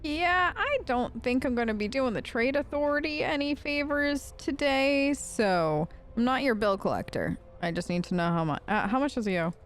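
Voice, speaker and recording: A woman's voice: sits high, lively intonation, moderate pace, few pauses. A woman hosting a gaming video, chatting casually and playfully and talking back to game characters. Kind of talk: casual gameplay commentary.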